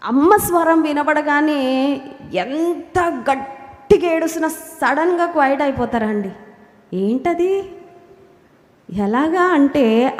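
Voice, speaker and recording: A woman's voice: high voice, darkish tone. A woman preaching a sermon, asking rhetorical questions, repeating key phrases for emphasis and having listeners repeat scripture after her. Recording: roomy hall with long reverb.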